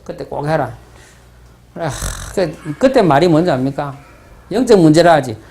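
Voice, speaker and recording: A man's voice: fairly high pitch, animated, normal speed, creaky, a little mellow. A man with a Gyeongsang Korean accent, preaching a sermon as pastor, asking the congregation rhetorical questions and telling stories in dialect. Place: church sanctuary.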